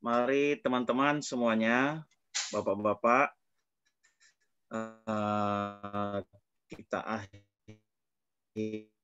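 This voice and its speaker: A man's voice: lowish voice, level tone, extremely slow, long pauses, a bit bright, faint music behind. Man on choppy, cutting-out call audio. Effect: choppy, cutting-out video call audio. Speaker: university staff member closing an online session. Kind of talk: formal address on a video call. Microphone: video call. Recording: dull, glitchy video call audio.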